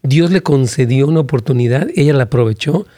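Mellow-voiced pastor host. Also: male voice, medium pitch, fairly quick, no echo, studio quality. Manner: supportive interjections, preachy asides. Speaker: pastor hosting the interview.

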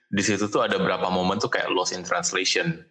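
A fairly low-pitched Indonesian man talks in a colloquial Jakarta accent. He explains himself casually, slipping English phrases into slangy speech. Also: little pitch movement, fairly quick, bright, forceful tone, poor audio. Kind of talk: casual chat.

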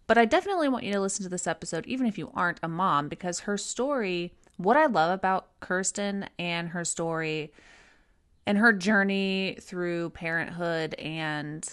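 A podcast host with a lowish, somewhat bright female voice introduces her guest and then interviews her, sounding enthusiastic and encouraging.

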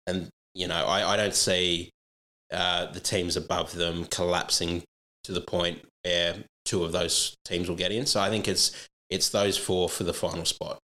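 A man's voice: low voice, level tone, unhurried, pushed and bright. An Australian man, a podcast guest giving casual sports analysis in conversation.

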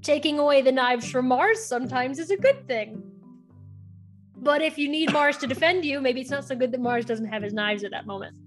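Quick, playful woman explaining astrology. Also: high voice, lively intonation, faint music behind. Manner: explains with playful acted-out voices, swears casually. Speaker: astrologer guest. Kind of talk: casual podcast chat.

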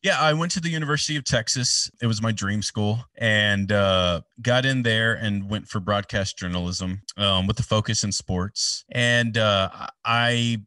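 Lively low-voiced male sports announcer. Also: a little slow, hardly any pauses, dry recording, recorded from a distance. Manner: animated, chatty, lots of fillers like "like" and "dude". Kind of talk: casual interview storytelling.

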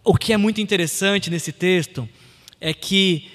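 A man preaching a sermon, impassioned and building to loud, emphatic peaks. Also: sits high, unhurried. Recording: long hall reverb.

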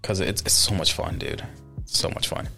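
A man's voice: normal speed, bright, forceful tone, faint music behind. A man chatting casually as a podcast guest, laid-back and eager, calling his friend "bro" and "dude.".

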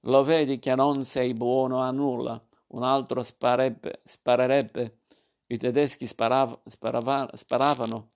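A man's voice: mid-range voice, flat delivery, a little slow, a little mellow, natural voice. A man voicing a spiteful old man in a storybook reading, with a taunting, sneering manner.

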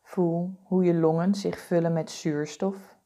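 A meditation guide leads a listener through a body scan in a low, mellow female voice. She moves very slowly and calmly, delivering every instruction in a soothing, even manner.

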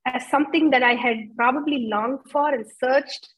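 A woman, hosting a podcast and telling her own story in an earnest, reflective way with frequent filler pauses. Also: high voice, steady tone, slightly rough, low-quality recording. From India. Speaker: podcast host and somatic practitioner.

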